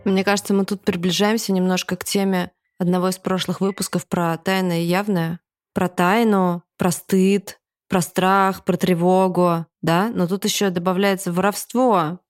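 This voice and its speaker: A woman's voice: on the low side, flat delivery, normal speed, soft background music. A woman co-hosting a podcast who talks through a story in a thoughtful, hesitant way, with fillers and small laughs. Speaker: podcast co-host. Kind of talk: casual discussion of a story.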